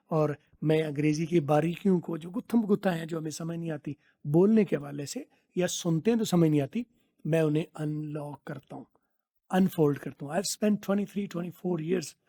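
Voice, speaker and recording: A middle-aged man from Pakistan teaching spoken English, repeating phrases slowly to drill pronunciation. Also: on the high side, dark tone, slightly rough.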